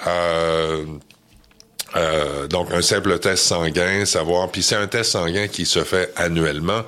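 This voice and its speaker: A man, a guest on a radio interview, speaking hesitantly with many pauses and restarts. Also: low-pitched, a bit bright. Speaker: charity event organizer guest.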